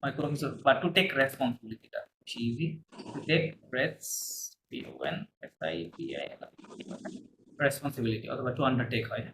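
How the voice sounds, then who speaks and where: A man's voice: mid-range voice, moderate pace. A man teaching a language class, patiently repeating words for his students to copy. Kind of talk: classroom lesson. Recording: echoey room, faint hiss.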